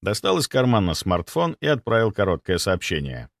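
A man reading a story aloud as the narrator, with a dry, lively manner. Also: on the low side, fairly quick, creaky, no echo. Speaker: audiobook narrator. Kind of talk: scripted narration.

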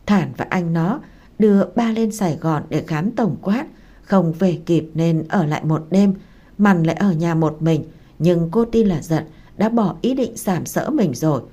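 A woman, narrating a dramatic story in a steady reading voice. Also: on the low side, unhurried, husky, highs cut off.

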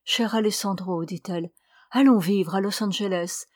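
A woman reading the lines of a gentle young mother in a storybook, speaking softly, almost in a whisper, to soothe. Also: mid-range voice, normal speed, no room sound, studio quality, lightly acted. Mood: soothing. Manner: soft, soothing, half-whispered.

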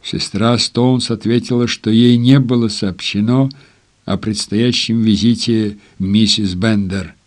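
A man narrating a crime novel audiobook in a steady, expressive reading style. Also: on the low side, a little slow.

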